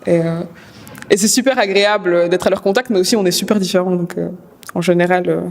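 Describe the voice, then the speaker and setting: A young woman talking thoughtfully about herself in an interview, laughing softly now and then. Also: lowish voice, fairly even intonation, fast, big-room sound. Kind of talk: reflective casual talk.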